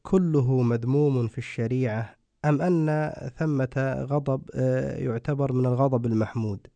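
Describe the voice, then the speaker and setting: Mellow man presenting in formal standard Arabic. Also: mid-range voice, steady tone, moderate pace, creaky, no room sound. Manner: formal standard Arabic, courteous religious phrasing. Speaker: radio host. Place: radio studio.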